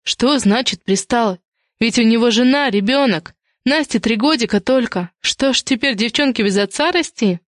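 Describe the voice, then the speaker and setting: A woman's voice: fairly high pitch, no room sound, clean studio sound, pitched above the performer's own voice, lightly acted. A woman reading an audiobook and voicing an anxious, stern older woman who manages others. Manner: slow, bewildered then stern.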